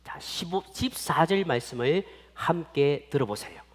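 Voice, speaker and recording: A male pastor telling a children's sermon in an animated storytelling manner, acting out the voices of the people in the story. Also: on the high side, a little slow. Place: church sanctuary. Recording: long church reverb.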